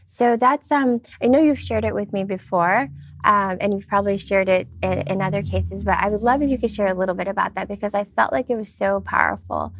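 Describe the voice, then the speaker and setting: A woman's voice: medium pitch, animated, brisk, gravelly, slight background noise. A woman hosting a casual interview, encouraging her guest with frequent affirmations. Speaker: host.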